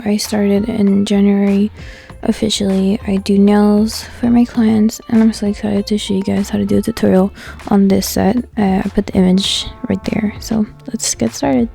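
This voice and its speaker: A young woman talks through a casual tutorial with a soft, mellow tone and a touch of gravel. Her mouth sounds swollen, so words come out a little impeded, and she is chatty and informal. Music plays behind her voice. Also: medium pitch, little pitch movement, a little slow. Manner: informal, chatty, filler-heavy with "like". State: swollen mouth after tooth surgery, speech slightly impeded. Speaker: nail technician giving a tutorial. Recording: voice-over with music bed. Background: background music.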